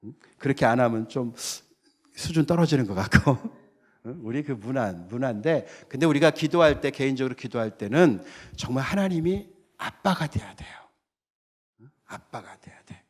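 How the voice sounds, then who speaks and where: A man's voice: mid-range voice, animated, normal speed. A man who is a missionary pastor, preaching a sermon in a conversational way and often checking that his listeners agree. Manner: conversational, keeps asking the congregation to agree; tells stories and acts out the characters.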